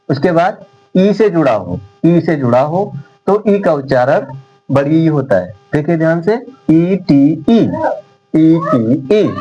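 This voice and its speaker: Guy teaching english super slowly, spells stuff out letter by letter, kinda dull audio w/ quiet music. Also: fairly high pitch. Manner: slow, repetitive, spells words out letter by letter. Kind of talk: slow spoken Hindi lesson.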